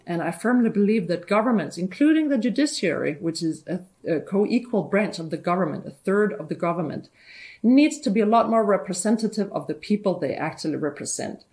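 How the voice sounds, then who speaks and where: A woman from Denmark speaks as a candidate for a judge's seat. She talks in an earnest, measured way, listing her qualifications one by one at a middle pitch. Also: lively intonation, darkish tone. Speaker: judicial candidate. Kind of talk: campaign pitch.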